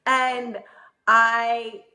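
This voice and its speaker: A woman's voice: fairly high pitch, little pitch movement, drawn-out words, pushed and bright. A woman in her thirties co-hosting a casual podcast, telling a story with lots of energy. She laughs often and acts out the voices of the people in it. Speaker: podcast co-host.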